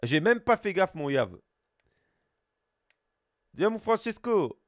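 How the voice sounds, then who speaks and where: A man's voice: high voice, big pitch swings, takes it slowly, no room sound, clean studio sound. A Belgian man with a Belgian French accent, streaming live as he opens packs, greeting chat viewers and swearing casually.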